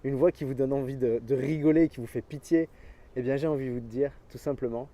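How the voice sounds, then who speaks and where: A man giving an energetic motivational talk to camera about sport, speaking directly to his viewers and chuckling often. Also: medium pitch, fairly quick.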